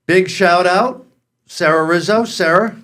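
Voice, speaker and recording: A man in his sixties from America hosts a pet program, chatting plainly and addressing viewers head-on. His voice sits high and is a bit bright, delivered a little slowly.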